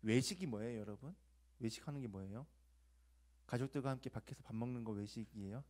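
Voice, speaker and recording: A young man preaching a sermon to teenagers, telling a personal story in a conversational, confessional way, asking rhetorical questions and acting out quoted voices with sudden loud bursts. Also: mid-range voice, brisk. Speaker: youth pastor.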